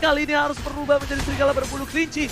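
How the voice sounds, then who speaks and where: A man with an Indonesian accent calling a video game match like an excited fighting game announcer, with dramatic, punchy, repeated hype calls. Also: very high voice, rapid-fire, over music, a crowd in the background. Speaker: esports shoutcaster.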